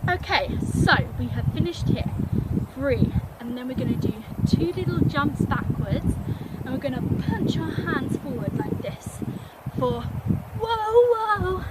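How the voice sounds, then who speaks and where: A woman's voice: high voice, lively intonation, unhurried, heavy background noise. A woman teaching a children's dance class, calling out the moves step by step and cheering the kids on. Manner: encouraging, step-by-step instruction. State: out of breath at times.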